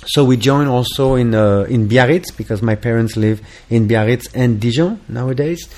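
A man's voice: medium pitch, normal speed, a little mellow. A man from France with a French accent, a musician guest in a casual interview, talking hesitantly with many fillers and restarts.

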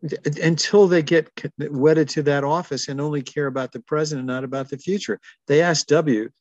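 A man's voice: a little high, fairly quick, dry recording, muffled recording. A man in his seventies, talking thoughtfully and wryly in an interview, chuckling between stories. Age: 70s. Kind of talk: reflective conversational storytelling.

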